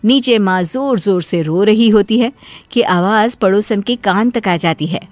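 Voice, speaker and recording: A woman narrating a cartoon story in a plain, even storytelling manner. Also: mid-range voice, measured pace, dry recording, soft background music.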